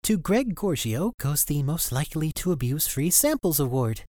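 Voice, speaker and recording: A man's voice: fairly high pitch, big pitch swings, moderate pace, no echo, clean studio sound, pitched above the performer's own voice. A man voicing a vain, spiteful teen girl. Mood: presenting. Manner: sharp and scornful.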